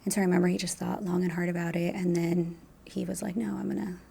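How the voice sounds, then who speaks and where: A woman in her thirties, a guest in a casual interview, speaking softly and reflectively with many fillers. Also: lowish voice, flat delivery, fast, gravelly, a little hiss or hum. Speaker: guest, widow of a police officer.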